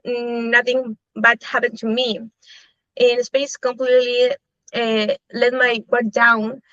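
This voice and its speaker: Higher-voiced young Chilean woman, dry lo-fi. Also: fairly bright tone, dry recording. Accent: Chilean Spanish. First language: Spanish. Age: young adult. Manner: thoughtful, with frequent "eh" fillers. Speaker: interviewee, law student. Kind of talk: casual interview answers. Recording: dry, slightly dull lo-fi recording.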